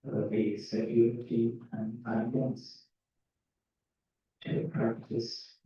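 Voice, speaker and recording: Recorded from afar in a reverberant room, a man with a warm, mid-range voice and level tone leads a meditation slowly, pausing between brief phrases as a teacher would when instructing step by step. The audio is dull, with slight background noise.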